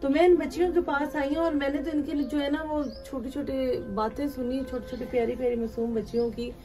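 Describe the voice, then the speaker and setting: A woman hosting an emotional charity vlog, speaking gently and coaxingly as she talks to camera and to young children. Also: sits high, flat delivery, brisk. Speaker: charity vlogger. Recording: music playing underneath.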